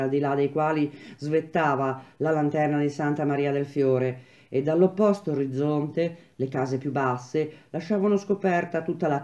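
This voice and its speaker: A woman reading a novel aloud in a measured, even storytelling manner. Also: sits low, dull audio. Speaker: reader of a novel.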